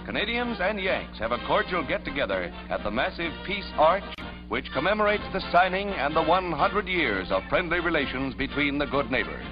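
A man narrating an old newsreel in the booming style of a 1940s announcer, played from an archival recording. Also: very animated, normal speed, dull audio. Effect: old newsreel sound. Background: music bed.

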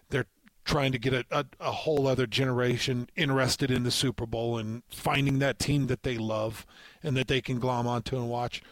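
A man's voice: medium pitch, no room sound. A man co-hosting sports radio with conversational commentary, talking his way through points.

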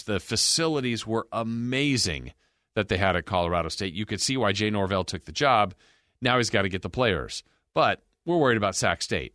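A man's voice: fairly low pitch, a bit bright, no echo, clean studio sound. An American man hosting a sports podcast, giving a conversational, emphatic recap and analysis of football games. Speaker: sports podcast host and game broadcaster.

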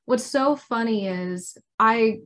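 A woman's voice: fairly high pitch, slow, a bit bright. A young American woman from Arkansas talking casually and chattily in an interview, often saying "like". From Arkansas, United States. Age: young adult. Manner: chatty, informal, frequent "like". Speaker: intern reporter being interviewed.

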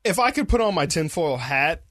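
A man hosts a casual sports podcast in a radio station studio. His voice sits a little high, and his talk is easygoing and full of fillers. The studio mic sound is close and dry. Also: brisk, dry recording. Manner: relaxed and chatty, with frequent fillers. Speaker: podcast host. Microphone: studio microphone.

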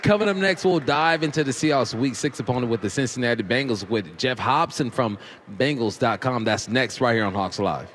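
A man hosting a live sports radio show in front of a crowd, excitable and joking as he leads the talk. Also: mid-range voice, fairly quick, slight background noise.

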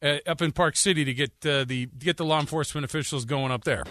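Male radio co-host, bright and lively, rambling jokey banter, dry studio sound. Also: fairly high pitch, fast talker, dry recording. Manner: joking, rambling, restarts often.

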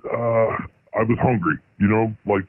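A man calling in anonymously through a voice changer, speaking hesitantly with many pauses and ums. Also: lowish voice. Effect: voice changer disguising his voice. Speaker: anonymous caller. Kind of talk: confessional phone-in chat. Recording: tinny phone line.

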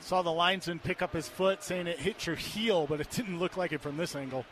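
A man's voice: fairly high pitch, fairly quick, fairly bright tone. An American man giving conversational, explanatory colour commentary on a live soccer match, with stadium noise behind him.

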